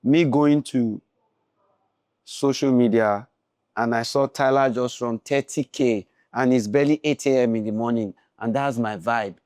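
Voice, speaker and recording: Male podcast guest, mid-pitched, emphatic, keeps checking in with listeners, dry recording. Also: unhurried, a little mellow, no room sound. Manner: emphatic, keeps asking "you understand?". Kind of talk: casual podcast chat.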